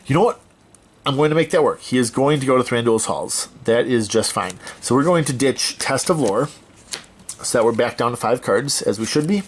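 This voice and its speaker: A man's voice: mid-range voice, expressive, normal speed, slight background noise. A man hosting a let's-play of a solo card game, thinking aloud as he reads out card text and corrects himself as he goes.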